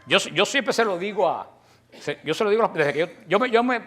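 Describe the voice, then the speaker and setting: Teaching apologetics to a class, this Cuban man speaks with a Cuban Spanish accent in a somewhat high voice with lively intonation, faint music playing behind him. His delivery is emphatic, easing down and fading quietly at the close of key phrases, and he performs the dialogue in the anecdotes he tells.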